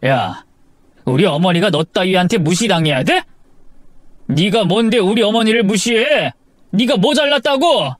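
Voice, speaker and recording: A man's voice: a little high, expressive, moderate pace, dry recording, clean studio sound, natural voice. A man voicing a furious husband who accuses and confronts his wife in an audio drama story. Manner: shouting, accusing, rising anger.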